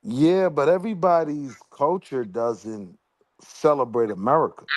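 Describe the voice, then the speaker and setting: A man's voice: medium pitch, unhurried, dry recording. A man calling into an open panel who argues his view earnestly in slangy casual speech. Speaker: panel caller. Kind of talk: casual debate.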